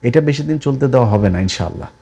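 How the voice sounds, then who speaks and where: A man's voice: medium pitch, expressive, very fast, creaky, mellow, husky. A middle-aged man giving a live political commentary monologue, scolding and mocking his opponents as he addresses them directly. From Bangladesh.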